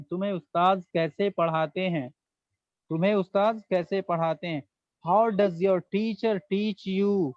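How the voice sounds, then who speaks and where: A man teaching an online language lesson, explaining slowly word by word and repeating each phrase in translation. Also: sits high, no room sound, muffled recording. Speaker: Arabic teacher.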